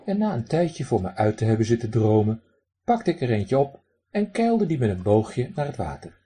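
A man narrating a story in the first person, lively and speaking directly to the listener. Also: mid-range voice, moderate pace, breathy edge.

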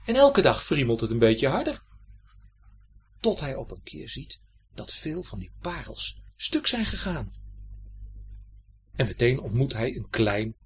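A man reads a children's story aloud with lively, swooping intonation. His voice is husky and breathy, and he sounds expressive and unhurried. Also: medium pitch.

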